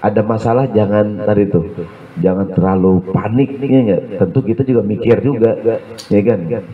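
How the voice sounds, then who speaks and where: A man's voice: lowish voice, moderate pace, crowd noise. A male preacher gives a humorous sermon at a home gathering, chanting Arabic verses and often asking the listeners "ya nggak?". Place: home gathering after evening prayer. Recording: tinny phone-like sound.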